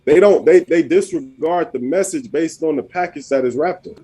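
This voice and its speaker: A man's voice: fairly high pitch, normal speed, dark tone, slight background noise. A man co-hosting a panel discussion, casual and insistent, explaining by example. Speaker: podcast co-host.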